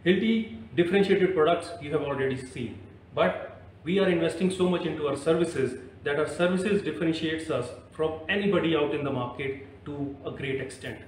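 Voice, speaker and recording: A man with an Indian English accent makes a persuasive product pitch on a construction site. His voice is a little high. The sound is very echoey and picked up from a distance, with faint noise behind. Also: moderate pace. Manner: persuasive, keeps recommending. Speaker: product presenter. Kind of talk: on-site product demo chat. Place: construction site, then service center.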